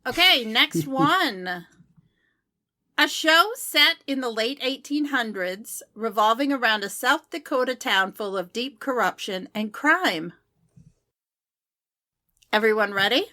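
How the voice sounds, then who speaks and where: A woman's voice: on the high side, animated, measured pace, sharp tone. A woman co-hosting a podcast, reading trivia clues aloud and scoring the answers in a casual chat. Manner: reads clues aloud and scores answers, laughing often. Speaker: podcast co-host running a trivia game.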